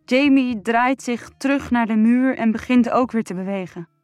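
A woman reading a first-person erotic story aloud in a slow, breathy, sensual way. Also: a little high, a little mellow, dry recording, faint music behind. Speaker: narrator.

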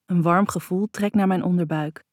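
A woman reading a first-person audiobook in a soft, even, intimate manner. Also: fairly low pitch, normal speed, slightly rough, no room sound, studio quality. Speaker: audiobook narrator. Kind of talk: first-person scripted narration.

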